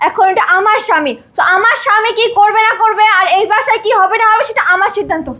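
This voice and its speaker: Actress as domineering daughter-in-law, scornful, very high voice, quick. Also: female voice, bright, forceful tone. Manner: bossy, scornful, ordering.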